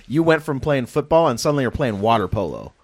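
Sardonic man with lively intonation. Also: mid-range voice, quick pace. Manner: sardonic, needling. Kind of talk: casual group banter, crude teasing.

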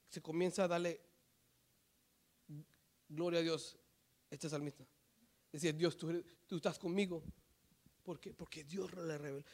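Male preacher, fairly high voice, fervent sermon that swings from loud to hushed, some English mixed in. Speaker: pastor.

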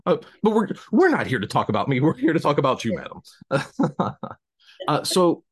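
A man's voice: fairly high pitch, huge pitch swings, normal speed, husky, dry recording, studio quality. A man with a Southern US accent hosting a casual podcast interview, rambling and self-conscious with many restarts. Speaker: podcast host.

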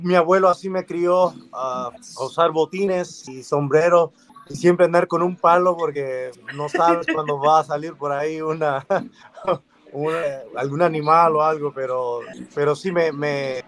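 A Mexican man talking as a guest in a casual conversation, relaxed and laughing between phrases. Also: fairly high pitch, measured pace.

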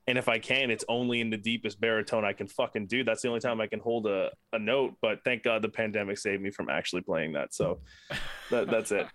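A man's voice: lowish voice, steady tone, fairly quick, a bit bright, dry recording, clean studio sound. A man chatting casually on a podcast, rambling with frequent restarts and swearing freely.

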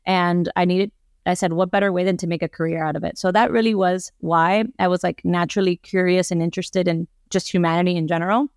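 A woman's voice: on the low side, steady tone, quick pace, no room sound, clean studio sound. A woman in her thirties from Miami, a guest psychologist on a podcast, explaining things in a thoughtful way with a lot of "like". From Miami, United States. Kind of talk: podcast interview.

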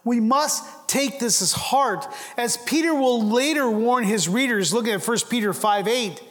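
A man's voice: very high-pitched, a little slow, fairly bright tone, big-room sound. A pastor delivering a sermon to his congregation, earnest and emphatic, often restarting his phrases. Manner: earnest preaching with rising emphasis and frequent restarts.

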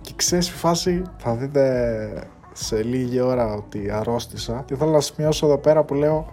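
Soft music plays beneath this solo podcast, where a young male host speaks at medium pitch. The talk is relaxed and lively, full of slang, English phrases, and frequent swearing.

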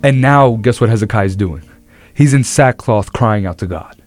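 A young man co-hosting a podcast, retelling a Bible story in an earnest, animated way with many restarts. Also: fairly low pitch, moderate pace. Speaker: podcast co-host. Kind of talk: casual Bible discussion.

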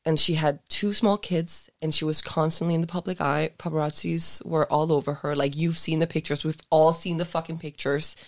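A woman's voice: deep voice, fairly even intonation, normal speed, hardly any pauses. A woman co-hosting a podcast, chatting casually in a rambling, giggly way and swearing freely. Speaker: podcast co-host.

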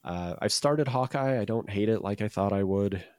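Low-voiced man, hesitant podcast host. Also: moderate pace, a little mellow, no room sound, clean studio sound. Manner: hesitant, rambling, self-deprecating. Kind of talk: casual chat.

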